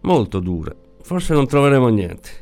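A man voicing a calm, pensive male police commissioner who speaks in a slow, musing way. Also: mid-range voice, faint music behind.

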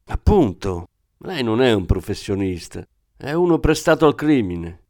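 A man voicing an older former croupier, a German woman who speaks with calm, condescending irony. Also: lowish voice, unhurried, dry recording, studio quality. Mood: sardonic.

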